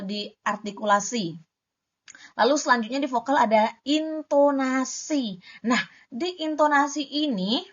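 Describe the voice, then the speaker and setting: A woman's voice: a little high, a bit bright. Young woman teaching poetry reading, lo-fi. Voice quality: struggles with the S-R cluster. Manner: chatty, self-correcting, demonstrates sounds aloud. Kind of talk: casual spoken lesson. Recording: dull lo-fi home recording.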